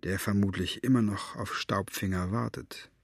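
A man voicing a tired, serious father who speaks quietly and gravely. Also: on the low side, steady tone, moderate pace, dry recording, studio quality. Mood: weary. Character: weary, serious adult father. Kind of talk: audiobook character voice.

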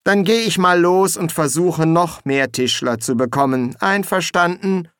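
A man's voice: on the high side, measured pace, fairly bright tone, clean tone, no room sound, clean studio sound, voice pushed up. A man doing a timid, harried nephew. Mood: meek. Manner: anxious, protesting.

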